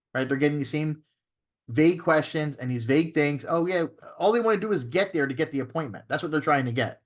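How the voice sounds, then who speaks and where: A man teaching a real estate training class, talking casually and often checking in with his listeners. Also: fairly high pitch. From Florida. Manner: conversational, repeats "okay?" and "right?" to check in; acts out phone scripts in a shifted tone.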